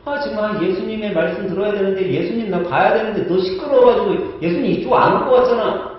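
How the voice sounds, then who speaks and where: Pastor doing an impatient scolding bystander, high voice, distant and dull recording. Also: male voice, fast, natural voice. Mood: irritated. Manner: irritated, scolding. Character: annoyed man scolding a blind beggar. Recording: echoey church hall, distant mic, dull.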